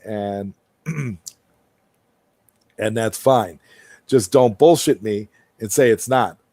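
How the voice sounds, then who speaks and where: Hosting a livestream, a man with a medium-pitched, darkish voice chats casually and answers viewer comments. He often repeats and rephrases himself while thinking aloud, and the recording has no echo.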